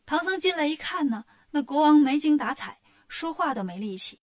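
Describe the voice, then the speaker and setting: Brief: woman storyteller for kids, fairly high voice, lively and plain. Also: normal speed. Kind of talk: children's story narration.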